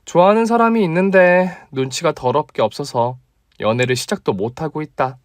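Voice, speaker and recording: A man's voice: on the high side, fairly quick, dry recording, clean studio sound, voice pushed up, natural voice. A man voicing a bold, blunt young woman doctor who teases and pushes in a radio story. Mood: bold teasing. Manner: teasing, pushy.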